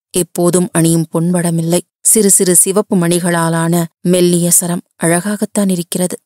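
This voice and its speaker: A woman reading a novel chapter aloud in a steady, even storytelling voice. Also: fairly low pitch, no echo, clean studio sound.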